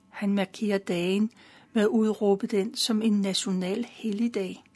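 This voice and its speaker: A woman with a mid-range, breathy, husky voice tells a Bible story in plain, simple language. Her storytelling pace is calm and steady, with an occasional small filler.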